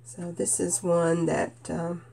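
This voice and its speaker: A woman from Kentucky with a cold and a nasal voice, chatting gently about her stitching projects with many "uh" fillers. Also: fairly low pitch, flat delivery, gravelly, husky. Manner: gentle, unhurried, frequent "uh" fillers. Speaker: stitching vlogger. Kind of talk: casual show-and-tell chat.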